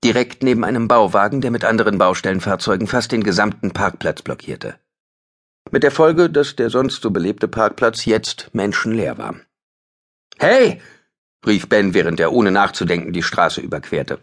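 A man's voice: fairly low pitch, expressive, moderate pace. A man narrating a thriller audiobook in a tense, dramatic scripted reading.

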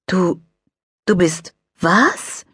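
A woman's voice: mid-range voice, animated, a little slow, a little mellow, husky, no room sound, studio quality, pitched above the performer's own voice. Woman doing a stammering timid little girl. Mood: timid, unsure. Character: small timid girl, easily frightened.

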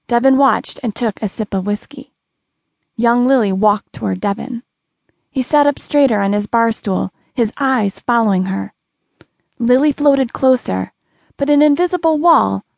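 A woman narrating an audiobook with measured, dramatic storytelling, recorded close to the mic. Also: on the high side, warm tone, no room sound.

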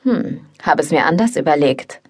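A woman reading an audiobook, voicing a spoiled, quick-tempered young man who grumbles and scolds. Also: deep voice, lively intonation, husky. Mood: grumpy. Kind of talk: audiobook dialogue.

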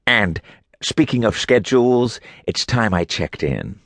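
A man's voice: lowish voice, very animated, measured pace, a bit bright, no room sound, voice pushed up, heavily acted. A man voicing a haughty, contemptuous middle-aged archaeologist with a nasal New England accent. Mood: frustrated.

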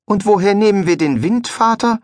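A man's voice: high voice, expressive, normal speed, no echo, studio quality, voice pushed up. A man voicing a fisherman's anxious young son who keeps putting worried questions to his father.

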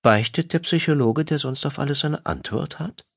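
A playful wife who needles her husband affectionately, her voice set high and lively, as a deep-voiced male reader puts her on. She swings easily between teasing and concern, in a dry, close audiobook sound. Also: moderate pace, vocal fry, slightly rough, dry recording, heavily acted. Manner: playful, needling, then caring. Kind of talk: audiobook dialogue.

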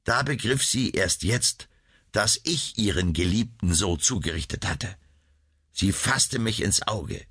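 A man voicing a cursed young prince who grimly recounts his betrayal, in a grave, measured way. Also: on the low side, lively intonation, a bit bright, slightly rough, no room sound, clean studio sound, heavily acted. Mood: bitter.

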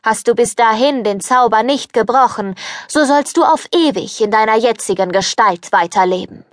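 A woman's voice: on the high side, normal speed, no echo, clean studio sound, close to an everyday voice. A woman reading an audiobook, voicing an old beggar woman who turns into a stern fairy, speaking solemnly.

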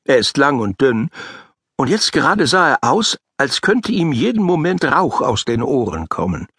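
A man narrating a children's audiobook with lively, expressive storytelling into a close studio mic. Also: medium pitch, normal speed, husky, no room sound. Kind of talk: scripted narration of a children's book.

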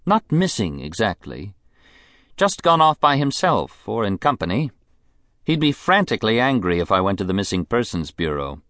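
A man reading a novel aloud, voicing a middle-aged rich woman with a clear voice and a bitter, mocking edge. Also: lowish voice, sing-song, moderate pace, a bit bright, dry recording, clean studio sound, voice pushed up. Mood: brisk. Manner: languid, mocking, contemptuous. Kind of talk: audiobook character voice.

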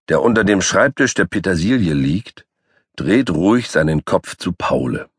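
Boastful tomcat narrator, voiced by a man; very low, husky, dry close studio sound. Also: no room sound. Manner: boastful, grumpy, lively. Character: boastful noble three-legged tomcat, ex-circus artist. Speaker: audiobook narrator. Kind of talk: children's audiobook narration. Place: recording studio. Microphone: close studio mic.

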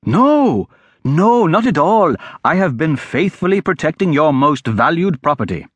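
A man voicing an eager, wiry adolescent boy who wheedles and calls out loudly in an audiobook. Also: fairly high pitch, sing-song, a little slow, breathy edge, no room sound, pitched above the performer's own voice, exaggerated voice.

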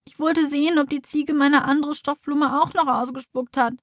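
A woman's voice: a little high, fairly quick, no room sound, lightly acted. A woman voicing a frightened, whiny young schoolgirl in a children's audiobook. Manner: tearful, pleading.

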